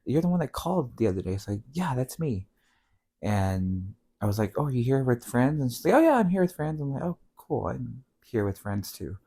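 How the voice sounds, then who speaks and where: Relaxed middle-aged man telling a story. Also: mid-range voice, moderate pace, slightly rough. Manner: relaxed, rambling with many fillers. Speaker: guest. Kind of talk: casual storytelling.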